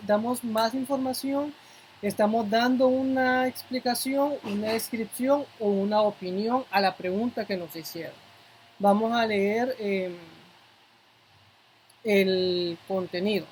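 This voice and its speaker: A woman's voice: on the high side, a little mellow, slight background noise, poor audio. Woman teaching a patient English lesson. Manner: explains step by step, repeats example words slowly for pronunciation. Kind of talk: classroom-style language lesson.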